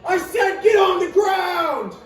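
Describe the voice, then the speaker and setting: A man's voice: very high-pitched, fairly quick, a little mellow, a faint crowd, pitched above the performer's own voice. A man voicing a male bank robber who barks orders at a stand-up show. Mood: yelling. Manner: barking orders. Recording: echoey room from far off. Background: audience laughing.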